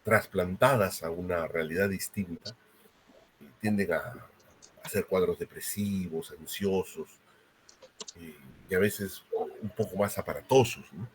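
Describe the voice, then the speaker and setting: A man's voice: low-pitched, a little slow, a little hiss or hum. A man giving a university lecture, explaining step by step and often checking in with a tag question.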